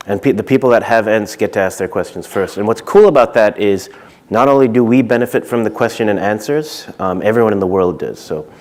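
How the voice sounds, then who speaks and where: A man's voice: on the low side, a little fast, darkish tone. A man in his thirties, from Zimbabwe, giving a casual conference talk on stage with many fillers and restarts. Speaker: conference speaker.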